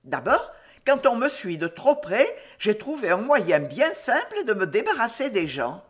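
In an audiobook reading, a woman voices a playful young woman who adores her anxious lover, teasing him with mock exasperation. Her voice is a little high and sing-song, at a measured pace.

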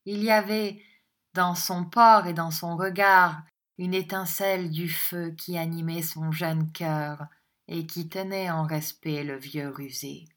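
Slow, low-voiced woman narrator. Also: fairly even intonation, a bit bright. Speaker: audiobook narrator. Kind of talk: scripted narration of a classic novel.

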